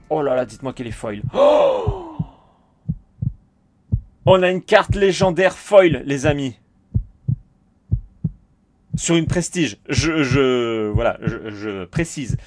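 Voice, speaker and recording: A man with a French accent chatting casually while opening trading cards, calling out each card and getting excited. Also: fairly high pitch. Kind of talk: casual card-unboxing commentary.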